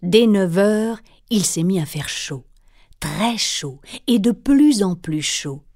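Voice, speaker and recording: A woman telling a playful children's story, expressive and full of character voices. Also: mid-range voice, slow.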